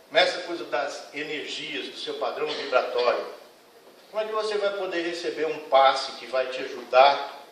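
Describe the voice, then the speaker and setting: A man with a mid-range, fairly bright voice gives a spiritist lecture, earnestly admonishing the congregation and speaking to them frankly. It's recorded from a distance in the echoey lecture hall of a spiritist center, with slight background noise.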